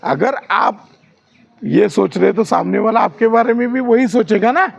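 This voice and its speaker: A man's voice: sits high, fairly quick, gravelly, dull audio. A man training security guards in class, quizzing the trainees with questions and showing rude and polite ways to talk.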